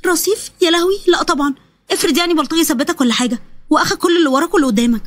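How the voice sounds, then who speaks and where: Woman doing a teasing egyptian girl, high voice, chatters fast. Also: no room sound. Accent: Egyptian Arabic. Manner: teasing, excited. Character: lively young woman, teasing and caring.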